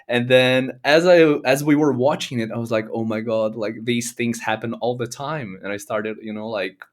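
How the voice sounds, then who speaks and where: A young man from Brazil chatting casually as an interview guest, relaxed, with lots of fillers and easy laughter. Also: medium pitch, moderate pace. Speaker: guest, comedy content creator.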